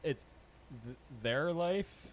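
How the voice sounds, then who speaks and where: A man's voice: on the high side, lively intonation, slow pace, a little hiss or hum. A man in casual conversation, explaining his points and repeating phrases for emphasis. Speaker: podcast participant. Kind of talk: casual conversational podcast chat.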